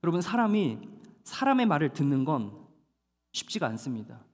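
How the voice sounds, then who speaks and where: Lively male pastor preaching in a hall. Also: on the high side. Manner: animated storytelling with dramatic slowdowns. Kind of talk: sermon. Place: church hall. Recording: long hall reverb.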